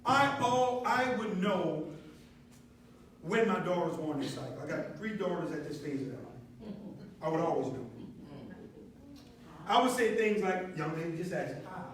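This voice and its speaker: A man pitching a product to a live audience in an emphatic, preacher-like way, asking the crowd questions. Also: expressive, a little slow, long pauses, fairly bright tone. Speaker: speaker presenting a product to an audience. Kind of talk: preacher-like sales talk with call and response. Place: meeting room with a live audience. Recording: echoey noisy room from far off.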